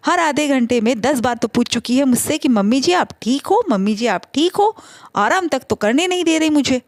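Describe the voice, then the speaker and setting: A woman voicing an irritable elderly mother-in-law who scolds her daughter-in-law in a shrill, exasperated way. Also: expressive, normal speed, dry recording, studio quality. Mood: shrill anger.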